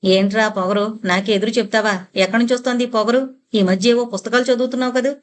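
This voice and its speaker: A woman reading the lines of a short-tempered, drunken middle-aged father who shouts and threatens, in a storybook narration. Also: on the high side, fairly even intonation, quick pace, natural voice. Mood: angry.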